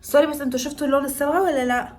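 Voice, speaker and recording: A woman's voice: high voice, steady tone, very fast, faint music behind. A woman in her twenties from northern Morocco, chatting playfully to viewers in a vlog and teaching phrases with laughs. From Morocco (Tetouan, north). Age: 20s. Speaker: beauty vlogger.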